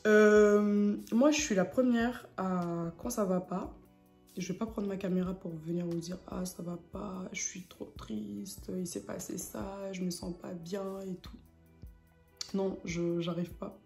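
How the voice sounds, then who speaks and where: A woman's voice: mid-range voice, steady tone, unhurried, vocal fry, darkish tone, echoey room, faint music behind. A young woman from French Guiana talking casually to camera as a vlogger, hesitant with many fillers.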